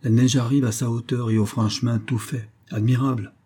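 A man's voice: medium pitch, flat delivery, brisk, warm tone, husky, close to an everyday voice. A man doing a confident mountain guide. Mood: earnest. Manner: practical, reassuring explanations. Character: confident adult male chief mountain guide.

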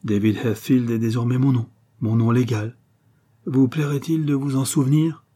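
A man's voice: mid-range voice, steady tone, normal speed, mellow, slightly rough, natural voice. A man reading aloud and voicing an arrogant male film star who speaks coolly and curtly. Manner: cool, disdainful, curt.

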